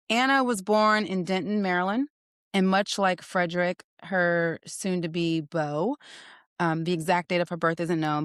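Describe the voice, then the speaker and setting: A woman's voice: fairly low pitch, smooth, no room sound, clean studio sound. A woman in her thirties hosting a podcast, chatting playfully and teasing her guest before telling a story. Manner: playful, teasing, laughs often. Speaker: podcast host. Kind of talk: casual interview chat.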